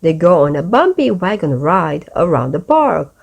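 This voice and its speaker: Here a woman with a lowish, gravelly voice shares a picture book at bedtime, reading slowly and expressively so small children can follow along.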